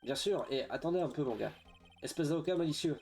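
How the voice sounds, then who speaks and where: A man voicing a gruff, friendly police detective in a video game, dropping low at the ends of phrases. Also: animated, quick pace, darkish tone, faint music behind.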